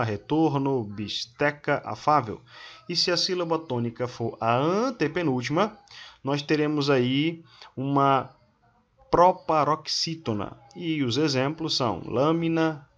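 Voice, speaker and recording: A man at a middle pitch reads out grammar examples at an unhurried, deliberate pace, one word after another. It sounds like a lesson recording. The audio is slightly dull and muffled. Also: fairly bright tone. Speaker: Portuguese grammar teacher. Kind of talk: slow instructional reading of word lists.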